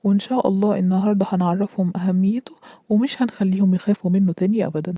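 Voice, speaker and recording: A woman voicing a cheerful, earnest male animal doctor, speaking with an Egyptian Arabic accent in a rapid, chatty way. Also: mid-range voice, fairly even intonation, no room sound, highs cut off, close to an everyday voice.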